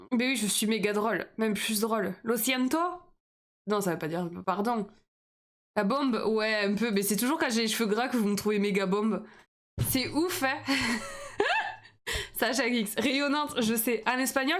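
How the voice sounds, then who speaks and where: A bubbly young woman chats casually on a live stream, rambling from topic to topic and laughing often. Her voice sits a little high for a woman. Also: a bit bright.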